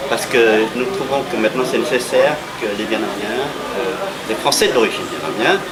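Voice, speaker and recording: A man's voice: mid-range voice, lively intonation, poor audio. A man from an activist collective explains its work in a street interview, hesitant and full of fillers. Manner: halting, many fillers and restarts. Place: outdoor street rally. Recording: outdoor recording with loud crowd. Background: loud crowd.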